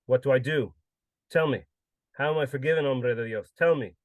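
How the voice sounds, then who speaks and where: A man's voice: medium pitch, moderate pace, dry recording, natural voice. Man voicing a drunk desperate man, anguished pleading, dry close sound. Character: drunk, desperate man begging a priest for forgiveness.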